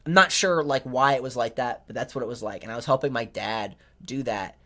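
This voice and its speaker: A man's voice: mid-range voice, fairly quick, bright, forceful tone. Rambling, profane young man telling stories. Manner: rambling, profane, self-interrupting with lots of "like". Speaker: podcast host, rookie stand-up comedian. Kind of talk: casual storytelling monologue.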